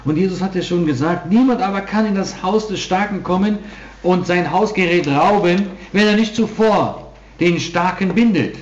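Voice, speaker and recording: A man's voice: sits high, moderate pace. Emphatic male preacher in a roomy hall. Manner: emphatic preaching with frequent restarts. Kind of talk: sermon. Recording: dull roomy hall recording.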